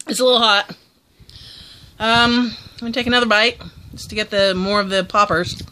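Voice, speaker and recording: Bright-voiced woman reviewing fast food. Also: mid-range voice, fairly even intonation. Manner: chatty, exclaiming at spicy food. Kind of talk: casual food review vlog.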